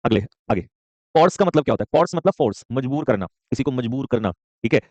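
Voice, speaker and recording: Rapid-fire joking male teacher. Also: medium pitch, lively intonation, no room sound, dull audio. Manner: joking, rapid, keeps asking "okay?"; addresses students warmly as son. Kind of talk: live online vocabulary class.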